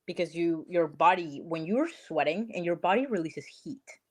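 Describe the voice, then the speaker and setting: Young woman guest, from Peru, low-pitched, emphatic, casual podcast chat. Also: moderate pace, darkish tone. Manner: chatty, emphatic, says literally and like a lot.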